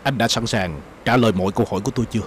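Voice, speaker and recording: A man's voice: fairly low pitch, slight background noise, lightly acted. An actor playing a composed male lawyer who speaks formally. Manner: formal, measured.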